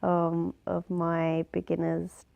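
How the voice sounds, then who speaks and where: A woman's voice: on the low side, completely flat delivery, takes it slowly, creaky, dull audio. A woman recording a casual video diary, sounding nasal from a cold and talking in a chatty way with many ums. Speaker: vlogger.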